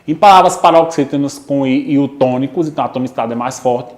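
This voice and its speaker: A male teacher with a Brazilian Portuguese accent from Pernambuco gives a recorded online lesson in a medium-pitched voice. He explains things carefully, often checking in with "né?" and "ok?", and slows down to draw out each example word.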